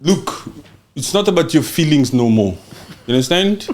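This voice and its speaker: Hosting a political podcast, a Congolese man talks in a fiery, emphatic way, swearing and repeatedly asking whether the listener understands. His voice is a little high and darkish in tone, with lively intonation at a moderate pace.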